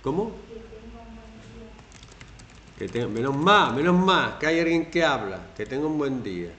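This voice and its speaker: A man from Spain teaching a classroom lesson, animated and acting out quoted phrases in mocking voices. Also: fairly high pitch, unhurried, reverberant.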